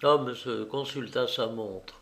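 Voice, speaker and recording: A man narrating an audiobook in a measured, descriptive way. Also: mid-range voice, a bit bright. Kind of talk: scripted narration.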